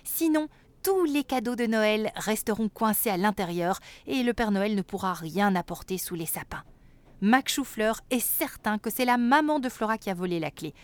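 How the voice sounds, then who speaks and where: A woman narrating a children's story in a lively, expressive way, talking to the young listener. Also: medium pitch, normal speed, no echo. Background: background music.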